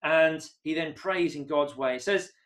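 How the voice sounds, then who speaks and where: Casting: man in his thirties, slightly high voice, earnest home-recorded sermon with bursts of excitement. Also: a little slow. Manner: earnest, rises to excited emphasis on key points. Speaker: preacher. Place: home room, indoors.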